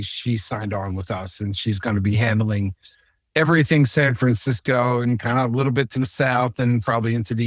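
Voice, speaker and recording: A man's voice: mid-range voice, dry recording. Chatty joking man, dry sound. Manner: chatty and joking, rambling with fillers and asides. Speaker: real estate agent and show host. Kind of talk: casual on-camera chat.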